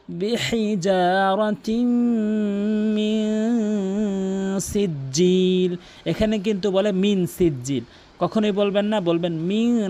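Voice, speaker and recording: A man gives a tajweed pronunciation lesson in an unhurried, deliberate voice. He says each word again and again to correct it, and chants Arabic verses slowly between his explanations. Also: high voice. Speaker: Quran recitation teacher.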